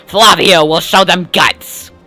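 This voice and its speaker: A man's voice: sits high, fairly even intonation, takes it slowly, pushed and bright, dry recording, soft background music, exaggerated voice. A man voicing a pompous, swaggering ship captain in a grand, theatrical pirate voice.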